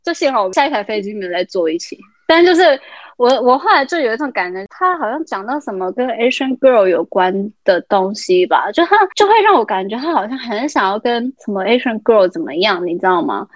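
Young woman, podcast guest, lively storytelling, dry close sound, remote recording. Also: mid-range voice, brisk, no room sound, highs cut off. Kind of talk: casual chat.

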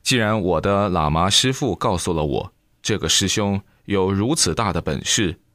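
A man's voice: low voice, expressive, moderate pace, a bit bright, no echo, clean studio sound. A man voicing a devoted male monk student who speaks with earnest urgency.

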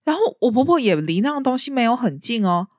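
A woman chatting casually as a podcast host, telling her stories in a lively way. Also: a little high, fast, dry recording, studio quality. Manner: lively storyteller. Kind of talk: casual chat.

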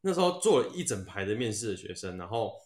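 A man's voice: on the low side, very animated, quick pace, darkish tone. A young man with a Taiwanese Mandarin accent, casually telling self-mocking stories, swearing freely and laughing as he talks. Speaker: podcast co-host. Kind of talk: casual storytelling chat. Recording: roomy echoey room.

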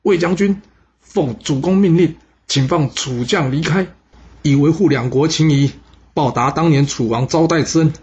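A man voicing a male messenger who calls out an order in a loud, urgent voice. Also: on the high side, normal speed, muffled recording, voice pushed up, close to an everyday voice. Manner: calling out loudly.

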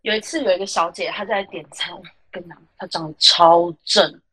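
A woman's voice: on the low side, brisk, husky. A woman with a Taiwanese Mandarin accent hosting a podcast, telling work stories in casual chat and acting out the people in them. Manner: animated, acts out the voices of customers and friends. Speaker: podcast host.

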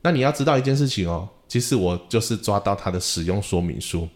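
A man's voice: on the low side, quick pace. A man, a podcast host and drum teacher, telling stories in casual chat and acting out the dialogue. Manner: animated storyteller who acts out dialogue.

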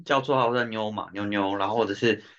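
A man talks quickly in a fairly low, fairly bright voice with fairly even intonation, his Taiwanese Mandarin accent clear. Living and working in Japan, he chats casually on a podcast, explaining with examples and slipping in Japanese and English words. The audio is dull and lo-fi.

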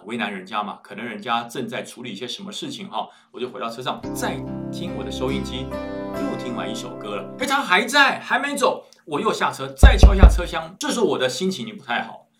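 A man's voice: mid-range voice, big pitch swings, fast talker, faint music behind. A man from Taiwan with a Taiwanese Mandarin accent, dramatically telling a spoken ghost story from his army days. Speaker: storyteller, former army officer.

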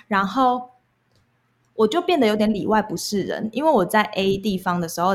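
A young adult woman speaks with a Taiwanese accent in a mid-range voice. She tells stories casually and candidly, explaining things in an everyday conversational way. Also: medium pitch. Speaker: guest recounting past jobs.

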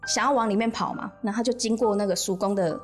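A woman with a Taiwanese Mandarin accent tells a ghost story on a casual podcast. Her delivery is animated, and she laughs now and then as she narrates. Her pitch sits in the middle range, with faint music playing softly underneath. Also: fast talker. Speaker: podcast host.

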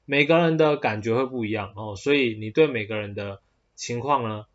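A man's voice: mid-range voice, normal speed, dull audio. A man with a Taiwanese Mandarin accent, hosting a casual solo podcast and rambling along with many hesitant fillers and restarts. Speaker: podcast host.

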